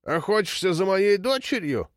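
A frail, confused old woman, suspicious and stubborn, her voice pitched high and swinging sharply as she snaps short, indignant retorts, as a man reading a storybook puts her on. The sound is close and dry. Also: big pitch swings, moderate pace, no echo.

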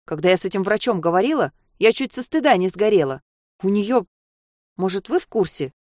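A woman's voice: mid-range voice, lively intonation, brisk, a little mellow, no echo, studio quality, close to an everyday voice. A woman voicing a tense adult daughter who presses with indignant questions.

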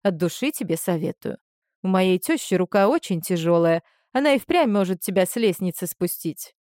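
A woman's voice: on the low side, animated, moderate pace, a little mellow, no echo, clean studio sound, natural voice. A woman voicing a cold, dismissive married man. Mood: curt dismissive. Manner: curt, dismissive.

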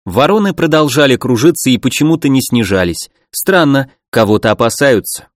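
A man's voice: mid-range voice, animated, brisk, no echo, studio quality. Man narrating a fantasy audiobook.

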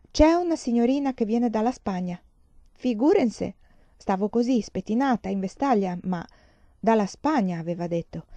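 A woman reading an audiobook, voicing a stout, breathless older Spanish mother who speaks in a shrill, singsong voice with a Spanish-tinged manner. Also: dark tone, no room sound, dull audio, close to an everyday voice.

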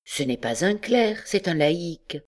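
A woman's voice: fairly low pitch, very animated, pitched above the performer's own voice. A woman reading an audiobook, voicing a primly dressed young townswoman who corrects her friend and speaks impetuously. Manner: bossy, quick.

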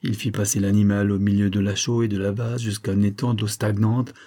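Man, audiobook narrator, dark mellow tone, husky. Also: fairly low pitch, flat delivery, a little fast. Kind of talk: scripted narration.

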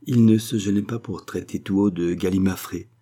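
A man reading a classic novel aloud as scripted narration, in a measured, even way. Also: low-pitched. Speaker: audiobook reader.

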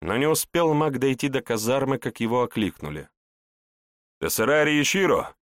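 A man's voice: mid-range voice, very animated, brisk, dry recording, clean studio sound. A man narrating a scripted fantasy story as an audiobook reader.

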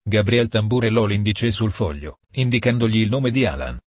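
A man reading a novel aloud as narrator, in a steady, measured way. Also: fairly low pitch, no room sound, clean studio sound. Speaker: audiobook narrator. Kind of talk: scripted narration.

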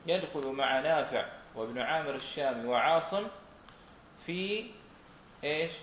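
A man's voice: on the high side, normal speed. A man teaching a Quran recitation class, asking his students questions and repeating their answers. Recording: roomy, dull recording with faint noise.

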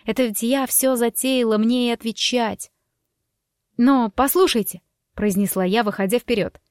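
A woman narrating a first-person audiobook in an expressive, emotional reading. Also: a little high, normal speed, no room sound, studio quality.

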